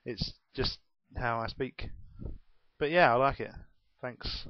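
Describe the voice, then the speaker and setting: A gaming YouTuber from England, a man in his twenties with a well-spoken southern English accent, chats casually through a vlog Q&A, self-mocking and laughing often. His mid-range voice takes it slowly. The home recording is dull and dry.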